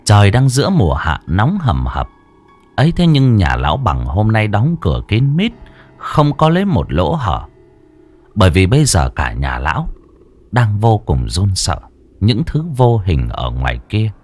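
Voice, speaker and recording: A man reading a story aloud in an expressive, lively way. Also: on the low side, a little slow, soft background music. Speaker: audiobook reader. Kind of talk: storytelling narration.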